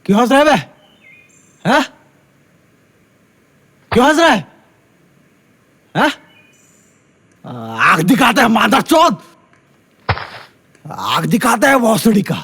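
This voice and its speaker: An actor playing a wounded male guard with a raspy, strained voice, who also questions someone with menacing, taunting jabs. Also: sits high, very animated, very slow, pauses often, fairly bright tone, exaggerated voice. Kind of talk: Hindi film dialogue.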